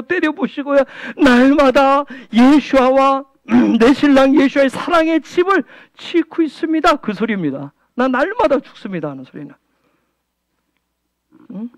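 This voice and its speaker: A man's voice: extremely high pitch, no echo. A male pastor preaching a sermon, firing off rhetorical questions at the congregation and repeating key phrases for emphasis. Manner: keeps asking rhetorical questions and prompting the congregation with "응?".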